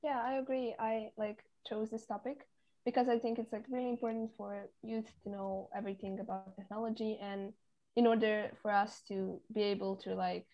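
A woman's voice: medium pitch, little pitch movement, moderate pace, lo-fi sound. A teenage woman from Serbia, a committee chair answering interview questions with hesitant, filler-filled speech. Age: teens.

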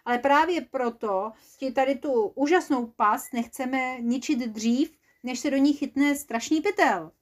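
A woman voicing a calm, diplomatic male creature who speaks in a soothing, measured way. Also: high voice, close to an everyday voice.

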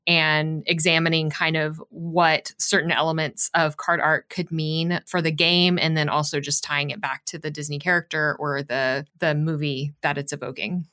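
A woman with a slightly low voice talks casually as a guest on a podcast. Her delivery is conversational, as in a relaxed interview. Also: moderate pace, hardly any pauses.

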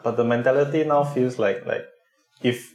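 A man's voice: mid-range voice, normal speed, darkish tone. A Singaporean man in a casual chat, speaking colloquial Singlish sprinkled with lah and Malay slang. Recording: roomy, echoing sound.

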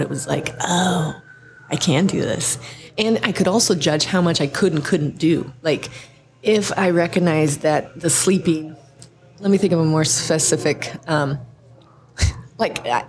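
A woman's voice: fairly low pitch, darkish tone. A middle-aged woman from the American Midwest, a podcast guest telling earnest personal stories in casual conversation with many fillers. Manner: earnest storytelling, frequent "like" fillers. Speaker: podcast guest, designer and coach.

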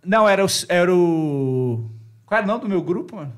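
High-voiced man, slangy and relaxed. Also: fairly quick. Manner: slangy, laid-back, peppered with "mano" and "velho". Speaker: stand-up comedian. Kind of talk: casual chat.

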